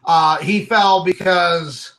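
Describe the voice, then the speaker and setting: Bright-voiced man talking football. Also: sits high, slow pace. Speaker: sports draft analyst. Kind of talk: casual sports commentary.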